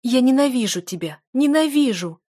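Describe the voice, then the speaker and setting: A woman's voice: mid-range voice, little pitch movement, normal speed, dry recording, clean studio sound, close to an everyday voice. A woman reading an audiobook and voicing a young wife in grief and anger, raised and anguished. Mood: furious. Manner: anguished, shouting. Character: young married woman, grieving and furious.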